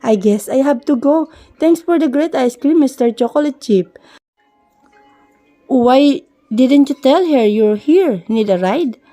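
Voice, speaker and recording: A woman's voice: high voice, lively intonation, takes it slowly, warm tone, soft background music. A woman doing a cheeky little rich boy. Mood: playful.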